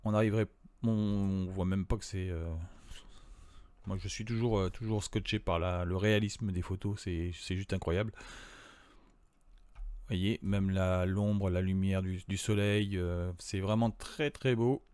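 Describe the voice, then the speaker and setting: A man's voice: low-pitched, steady tone, unhurried, darkish tone, clean tone, no room sound. A man giving a casual screen-recorded tutorial, talking to viewers in a chatty, hesitant way. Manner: hesitant, many fillers and restarts; chatty, addresses viewers directly. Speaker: tutorial presenter.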